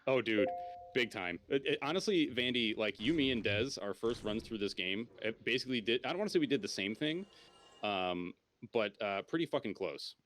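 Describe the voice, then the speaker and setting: A man's voice: lowish voice, lively intonation, moderate pace, fairly bright tone. A man chatting casually and informally as he guides other players through a video game on a stream. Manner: informal, swears freely. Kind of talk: casual gaming chat.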